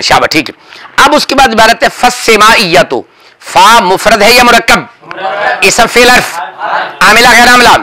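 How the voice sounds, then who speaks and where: A man teaching a classroom grammar lesson, drilling his students with rapid questions and calling out answers. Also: sits high, poor audio. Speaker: religious teacher.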